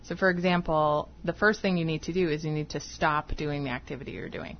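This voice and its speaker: A woman's voice: low-pitched, fairly even intonation, fairly quick, muffled recording, slight background noise. A woman guest on a radio talk show, explaining her field step by step with examples. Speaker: guest expert, behavioral analyst.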